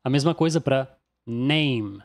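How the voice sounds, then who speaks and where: A man with a Brazilian Portuguese accent gives a pronunciation lesson at a middle pitch. He explains each point in a clear, didactic way and says every example word slowly, often twice. The voice-over stays calm and even. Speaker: English pronunciation teacher. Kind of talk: instructional explanation.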